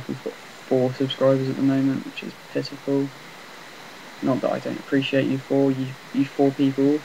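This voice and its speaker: A man casually rambling through commentary on a game he is playing, talking in a flat, self-deprecating way on a laptop mic. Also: medium pitch, vocal fry, highs cut off, slight background noise. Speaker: gameplay commentator.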